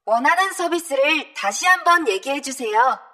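A woman's voice: high voice, normal speed. A woman voicing Libo, a friendly and polite library service robot, in an audiobook. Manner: polite, even service-announcement delivery.

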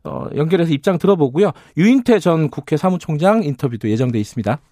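A man with a slightly hoarse, gravelly voice hosting a current affairs radio programme. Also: a little high, animated, quick pace, warm tone. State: throat still hoarse after illness. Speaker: temporary radio show host. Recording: music behind the voice. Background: programme music.

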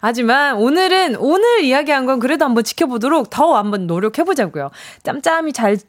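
A woman's voice: sits high, expressive, a little fast. A young woman hosting a radio show, reading listener messages in a chatty, encouraging way and acting out quoted lines.

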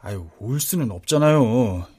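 A man's voice: medium pitch, animated, moderate pace, darkish tone, husky. An actor playing an easygoing middle-aged son-in-law who jokes and soothes his angry mother. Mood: placating. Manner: jokey, placating, laughing. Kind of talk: TV or radio drama acting.

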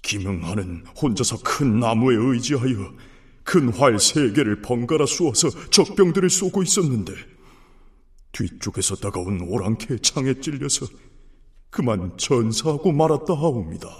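A man's voice: medium pitch, lively intonation, normal speed, a little mellow, lightly acted. An actor playing a solemn, deferential official in a historical drama, formally reporting to his king in archaic speech.

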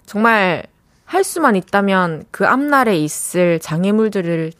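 On a studio mic with no echo, a young radio host sounds animated at a medium pitch and normal speed. She works through listener messages, chatting about each one and reacting warmly.

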